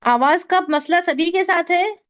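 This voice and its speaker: This tajweed teacher is a woman whose high, fairly bright voice reaches her online recitation class through a video call. Speaking a little slowly, she walks through pronunciation rules step by step and repeatedly questions her students.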